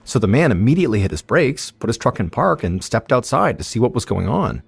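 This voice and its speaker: A man hosting a podcast, telling a true-crime story in measured, suspenseful scripted narration. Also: medium pitch, sing-song, gravelly, breathy edge, no echo. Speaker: podcast host.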